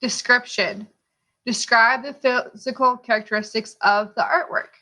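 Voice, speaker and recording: This woman's voice sits on the high side, bright and forceful, with fairly even intonation at a normal speed. She's an art teacher explaining a lesson, posing rhetorical questions and dropping in "okay" to check on the listener. The recording quality is low.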